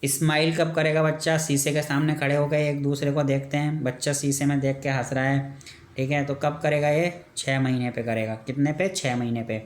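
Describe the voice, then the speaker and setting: A man gives an exam-prep medical lecture, his voice sitting a little high for a man. He works in a repeated question-and-answer rhythm and ends points with a checking aside. The sound carries a noticeable room echo. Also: steady tone, normal speed.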